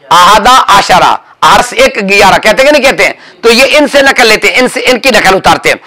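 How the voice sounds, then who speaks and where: A man teaching a classroom grammar lesson, drilling his students with rapid questions and calling out answers. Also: high-pitched, animated, sharp tone, poor audio. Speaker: religious teacher.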